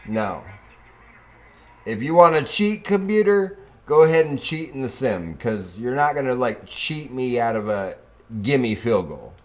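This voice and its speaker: A man casually commenting on his own football video game play, chatting to the game and breaking into sudden excited whoops. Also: mid-range voice, normal speed. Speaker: gaming YouTuber.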